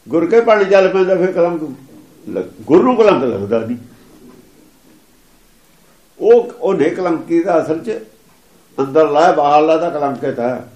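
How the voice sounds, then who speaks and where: A man's voice: on the high side, darkish tone, roomy sound. A man giving a sermon that explains scripture, repeating and chanting its lines with emphasis. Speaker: religious preacher.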